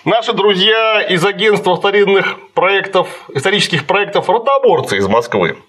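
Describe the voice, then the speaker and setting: A man talks through a film in a loose, sarcastic way, drifting off into side remarks. His husky voice sits fairly high and swings up and down a lot as he talks. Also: normal speed. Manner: sarcastic, digressive, animated. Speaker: co-host reviewing a film. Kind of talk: casual critical chat.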